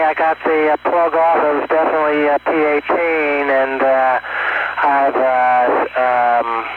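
A man, an astronaut, reporting to mission control in halting, procedural radio calls heard over a crackly space-to-ground radio link. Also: medium pitch. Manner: halting, many "uh" pauses, procedural. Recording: narrow crackly radio with static.

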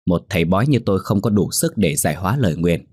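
A man's voice: deep voice, steady tone, measured pace, a bit bright, no room sound, studio quality. A man voicing a stern old male fortune teller who curtly orders visitors away in a ghost story. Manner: curt, commanding.

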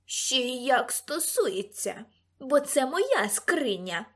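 A woman's voice: a little high, lively intonation, normal speed. A woman voicing a flustered, indignant older aunt speaking with a trembling voice.

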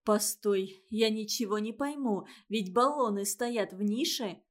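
A woman voicing a quick-tempered, easily fooled mother. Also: medium pitch, natural voice. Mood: puzzled. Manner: loud indignant. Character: quick-tempered gullible mother, middle-aged.

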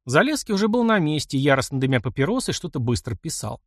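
A man narrating an audiobook in expressive scripted storytelling. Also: on the high side, fast, no room sound, clean studio sound.

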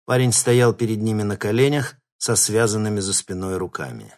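Man narrating an audiobook, low voice. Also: normal speed, a little mellow. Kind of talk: scripted narration.

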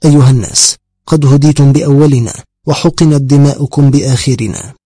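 A man reading the lines of a composed, sharp-tongued male noble who answers insults calmly, in his narrating voice. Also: mid-range voice, fairly quick, breathy edge, dry recording, clean studio sound, lightly acted. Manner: composed, cutting replies.

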